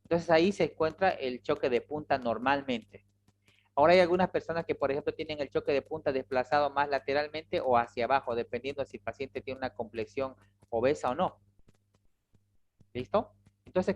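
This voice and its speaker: A medical lecturer teaches over a video call, walking students through each point and pausing for quick check-ins. The pitch sits mid-range. The audio is dull and lo-fi, like a laptop microphone. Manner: explanatory, checks in with "¿ya?" and "¿listo?".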